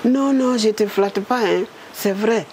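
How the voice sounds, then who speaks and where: A cheerful, persuasive prime minister, coaxing and insistent, as an older woman acts him out in her story. The voice climbs higher than her usual and keeps a gravelly edge. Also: measured pace, a little mellow, slight background noise.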